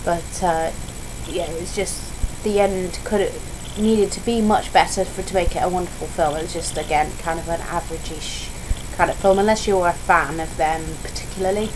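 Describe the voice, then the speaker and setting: Recorded at home with plenty of noise, this young woman vlogs while ill, her voice starting to fail. Chatty and digressive, she interrupts herself and strays onto tangents, speaking in a steady, lowish voice at a moderate pace with few pauses.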